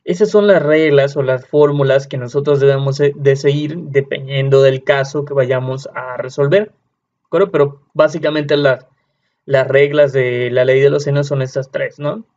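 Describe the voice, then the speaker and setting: A man's voice: medium pitch, fairly even intonation, moderate pace, a little mellow. Guy teaching math, patient, keeps correcting himself, kinda muffled lo-fi audio. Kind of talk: explaining a math lesson. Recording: dull lo-fi sound.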